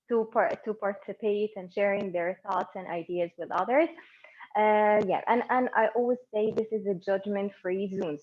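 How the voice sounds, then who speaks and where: An Egyptian English conversation teacher leads a relaxed live online class in a medium-pitched voice, sounding encouraging and using many fillers and restarts. She's on a laptop or phone mic over a video call, and the stream audio is slightly dull.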